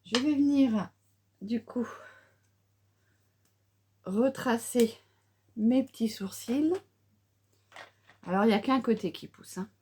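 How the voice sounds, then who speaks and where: A woman's voice: on the high side, takes it slowly, long pauses, a little mellow, a little hiss or hum. A middle-aged woman chatting through a casual makeup tutorial, with many fillers and restarts. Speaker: beauty vlogger.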